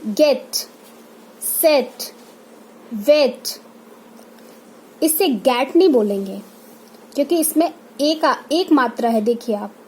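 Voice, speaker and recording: A woman teacher giving a classroom pronunciation lesson, saying example words one at a time and repeating them deliberately. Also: sits high, a little mellow, slight background noise.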